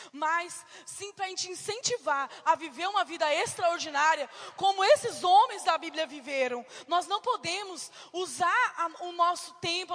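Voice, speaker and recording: A woman preaching a sermon and telling testimonies, fervent and emphatic, with sudden shouts. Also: very high-pitched, in a large hall. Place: church hall.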